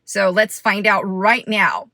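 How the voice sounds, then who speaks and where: Woman from Taiwan, first language chinese, car vlogger talking slowly through settings, dry close sound. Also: mid-range voice, fairly even intonation, bright, forceful tone, no echo. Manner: chatty and explanatory, walking viewers through steps. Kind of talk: casual vlog narration. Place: inside her car.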